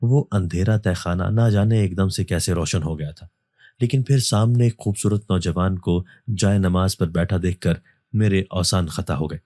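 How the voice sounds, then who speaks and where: Deep-voiced man narrating a horror story. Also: dark tone, no echo, clean studio sound.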